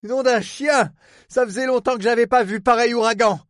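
A man voicing a gruff, fretful middle-aged male harbor superintendent in an audiobook, speaking bluntly and rustically, full of oaths. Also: extremely high pitch, normal speed, no room sound, clean studio sound, pitched above the performer's own voice. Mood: alarmed, shouting. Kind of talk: audiobook character voice.

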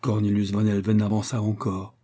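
Man narrating an audiobook, measured dramatic reading, low pitch, husky. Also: completely flat delivery, dark tone.

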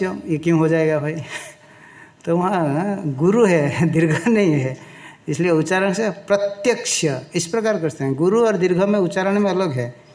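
A man gives a scripture lecture in a slightly high voice. He speaks very slowly and deliberately, chanting lines of verse and then breaking them down for his students. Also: darkish tone. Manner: slow, deliberate explaining, chants verses, chuckles. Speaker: teacher of scripture. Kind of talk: Sanskrit text lecture in Hindi.

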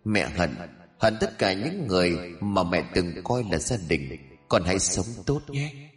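A man voicing a vengeful female ghost who speaks in a hushed, eerie, cold way. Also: sits low, big pitch swings, unhurried, soft background music. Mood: mournful.

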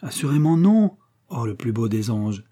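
A man voicing a flattering, scheming middle-aged fortune hunter in a storybook reading, with a gushing, wheedling delivery. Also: mid-range voice, fairly quick, slightly rough.

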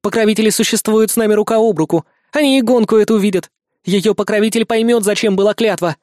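A man's voice: high voice, fast talker, a little mellow, no echo, clean studio sound, voice pushed up, natural voice. Man doing a cold, pushy young woman. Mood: urgent insistent. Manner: urgent, insistent, commanding. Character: cold, pragmatic young woman, a ruthless race partner.

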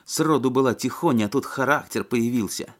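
A man's voice: moderate pace, lightly acted. A man voicing a spiteful, envious woman who shrieks her lines in an audiobook. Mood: shrill, hateful. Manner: shrill, shrieking.

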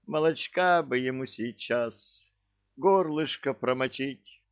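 A man's voice: mid-range voice, takes it slowly, clear, resonant tone, dull audio, pitched above the performer's own voice. A man voicing a fussy, kindly father squirrel who frets and sympathizes. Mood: sympathetic. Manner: fretting, sympathetic.

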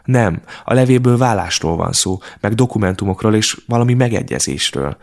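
A man's voice: fairly low pitch, animated, gravelly. A man voicing a frightened teenage girl in an audiobook, pleading and distressed.

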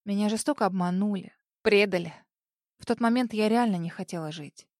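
A woman's voice: medium pitch, fairly quick, a little mellow, no room sound, studio quality. Woman narrating a dramatic audiobook. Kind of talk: first-person audiobook narration.

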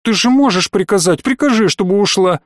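A man's voice: sits high, animated, fairly quick, no echo, studio quality, pitched above the performer's own voice. A man reading an audiobook, voicing a stubborn, whiny little boy who pleads and insists.

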